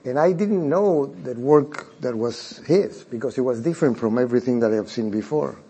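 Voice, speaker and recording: Husky man. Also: mid-range voice, moderate pace, warm tone. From Argentina. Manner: hesitant, restarting phrases with frequent "uh". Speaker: private art collector, guest. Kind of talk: conversational storytelling on a panel.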